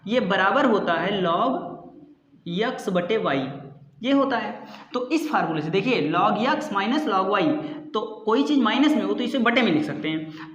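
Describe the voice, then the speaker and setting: A chemistry teacher working through a derivation on the board, step by step, asking questions and answering them himself. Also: male voice, high voice, fairly bright tone. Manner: step-by-step, asks and answers his own questions. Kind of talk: blackboard lesson. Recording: echoey, dull room sound.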